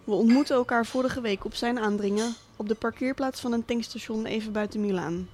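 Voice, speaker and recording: A woman reading a literary monologue as a cynical, wealthy absent father, speaking in a dry, deliberate, sardonic way. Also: a little high, darkish tone, slight background noise, close to an everyday voice. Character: cynical rich middle-aged father, absent tycoon.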